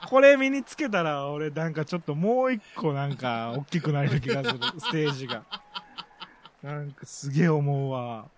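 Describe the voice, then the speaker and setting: A man co-hosting a casual chat with a Kansai accent, telling stories in an animated way and acting out quotes. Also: a little high, moderate pace, a crowd in the background. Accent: Kansai Japanese. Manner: animated storyteller, acts out quotes with laughs. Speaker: podcast co-host.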